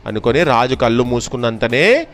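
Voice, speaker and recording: A man narrating a children's folk tale in a lively storytelling manner, with small restarts. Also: medium pitch, a little fast, soft background music.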